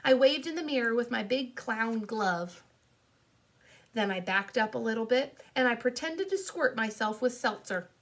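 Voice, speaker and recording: A woman's voice: on the high side, lively intonation, normal speed. Woman narrating a children's audiobook playfully.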